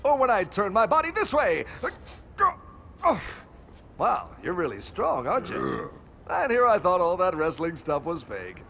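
A self-assured male superhero, played by a man, who speaks in formal, grandiloquent phrases. His voice sits a bit high and moves lively up and down. A faint noise hums underneath. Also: unhurried, vocal fry, heavily acted. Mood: bold. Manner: grandiloquent, formal heroic speech. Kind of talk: comedic audio drama acting.

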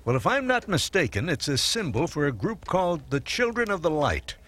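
Husky, animated scholarly professor, measured explaining, radio drama. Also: male voice, on the high side. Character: scholarly, careful college professor.

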